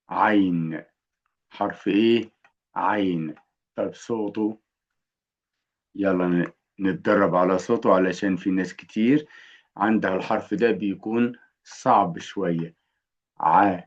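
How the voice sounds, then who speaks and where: A man with an Egyptian Arabic accent teaching the alphabet to beginners, patient and encouraging, repeating each sound slowly. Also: on the low side, darkish tone, highs cut off.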